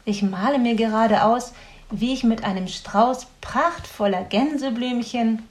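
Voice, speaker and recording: A woman's voice: a little high, measured pace, natural voice. A woman voicing a fretful, grumpy young man in training who grumbles and sulks. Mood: sulky, fretful. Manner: sulky, grumbling.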